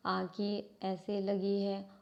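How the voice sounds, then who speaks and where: Mellow-voiced woman teaching grammar. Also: medium pitch, completely flat delivery, creaky, dull audio. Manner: asks questions and answers them herself; slow, spelled-out reading of letters. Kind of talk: Hindi grammar lesson, reading from a textbook.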